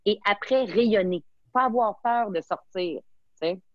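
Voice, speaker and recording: A woman's voice: mid-range voice, measured pace, no echo, muffled recording. A woman from Quebec with a Québécois French accent, speaking enthusiastically as a guest in a webinar interview and mixing in English words.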